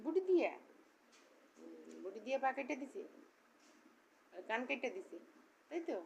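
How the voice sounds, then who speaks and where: A woman, chatting with a toddler in sing-song baby talk and asking gentle question after question. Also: fairly high pitch, very animated, normal speed, gravelly. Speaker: parent talking with a small child. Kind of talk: home video, chatting with a toddler. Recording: dull lo-fi home recording with faint noise.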